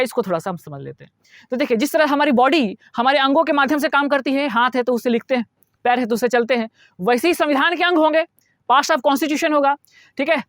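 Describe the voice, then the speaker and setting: A man's voice: very high-pitched, fairly bright tone, no room sound. A man teaching a lecture, explaining step by step, repeating key words and asking his students questions. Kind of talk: classroom lecture.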